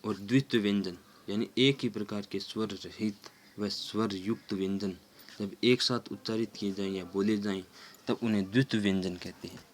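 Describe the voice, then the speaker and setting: A man's voice: fairly low pitch, fairly even intonation, normal speed, slight background noise. A man teaching a grammar lesson, patiently explaining step by step with examples.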